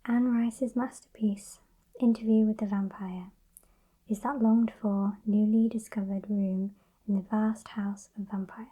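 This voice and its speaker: A British woman playing a gentle, bookish librarian in a whispered role-play, murmuring softly and unhurriedly in a breathy whisper. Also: medium pitch, flat delivery, measured pace, rough recording. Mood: hushed reading. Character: sweet, gentle, bookish woman librarian working late nights. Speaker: ASMR performer.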